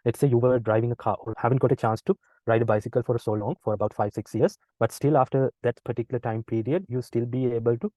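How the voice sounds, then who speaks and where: A man's voice: medium pitch, fairly even intonation, fast talker, warm tone, no room sound, rough recording. A man giving an online lecture from outdoors, his voice breaking up in a buffering stutter over a phone hotspot, explaining with many "uh" fillers. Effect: buffering stutter from a choppy mobile hotspot connection. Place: outdoors while traveling. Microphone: video call over a phone hotspot.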